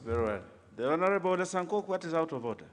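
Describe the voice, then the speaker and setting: Stern, high-pitched man calling the house to order. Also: lively intonation, very fast. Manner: stern, commanding, repeating orders firmly. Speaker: parliamentary Speaker chairing debate. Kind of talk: formal parliamentary procedure. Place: legislative chamber. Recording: echoey large chamber.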